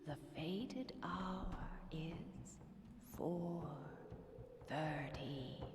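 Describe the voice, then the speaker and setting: An actress playing a solemn, mysterious fortune teller in a video game, making cryptic pronouncements. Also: female voice, low-pitched, noisy background. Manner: fortune teller: slow, breathy, ominous pronouncements. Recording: cavernous echo with long reverb.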